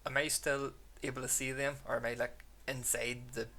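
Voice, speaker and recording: A man's voice: mid-range voice, level tone, normal speed, creaky, sharp tone, a little hiss or hum. A man playing a tabletop game, asking lots of questions and swearing when surprised. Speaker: player. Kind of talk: tabletop game play, casual chat.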